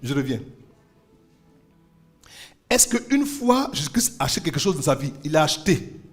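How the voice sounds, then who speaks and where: A man's voice: fairly high pitch, very animated, normal speed, slightly rough, faint music behind. A man preaching a sermon as pastor, with fervent call-and-response and rhythmic repeated refrains. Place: church service.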